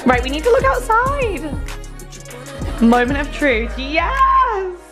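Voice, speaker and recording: Young female vlogger, high voice, excited casual chat, prominent music behind her. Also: slow. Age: young adult. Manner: excited, gushing. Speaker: vlogger on a bachelorette weekend. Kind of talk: casual vlog chat among friends. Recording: loud music over the voice. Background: loud music.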